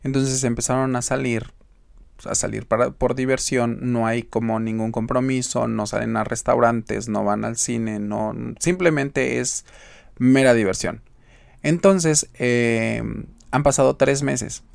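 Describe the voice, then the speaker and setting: A man's voice: medium pitch, fairly even intonation, measured pace, vocal fry, dry recording. A man with a Mexican accent hosting a podcast, talking straight to the listener in a chatty, emphatic way as he gives advice. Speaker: podcast host. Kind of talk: casual advice monologue.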